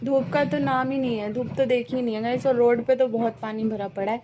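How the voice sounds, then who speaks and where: A chatty young woman filming a casual home vlog on her phone, calling her viewers guys and cooing at her cats. Her voice sits somewhat high, with a faint hum of room noise behind it. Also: fairly even intonation, a little fast. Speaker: vlogger. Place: home and street outside after rain.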